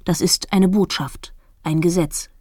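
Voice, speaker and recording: A woman's voice: on the low side, fairly even intonation, unhurried, a little mellow, dry recording, studio quality. Woman reading a solemn preaching priest.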